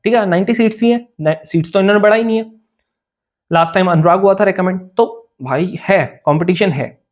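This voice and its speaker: A young man teaching English grammar for an exam in casual Hindi mixed with English, often checking whether students follow. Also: high voice. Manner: chatty, asks students "clear?" often. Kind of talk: informal Hindi-English lesson.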